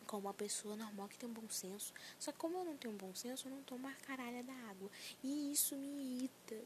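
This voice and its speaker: A nineteen-year-old woman hosts a solo podcast in a fairly high voice, talking fast over a noisy background. Anxious, she rants in a rambling, profane, self-mocking way.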